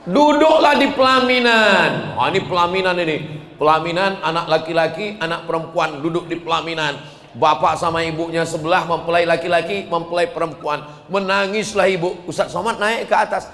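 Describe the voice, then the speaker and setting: A man preaching a lively, joking sermon that acts out little scenes. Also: a little high, brisk, slight background noise. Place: large hall before an audience. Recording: echoey hall with faint ambience.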